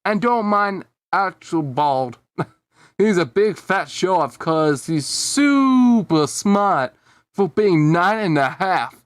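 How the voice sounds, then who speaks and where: A man's voice: sits high, animated, slow pace, dry recording, pitched above the performer's own voice. A man voicing a sweet, cheerful little girl tomato in a sing-song manner.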